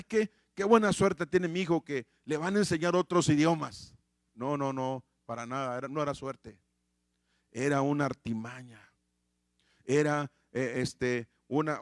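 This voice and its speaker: A man's voice: on the high side, no room sound, clean studio sound. A man preaching a sermon, repeating key phrases for emphasis and often restarting words.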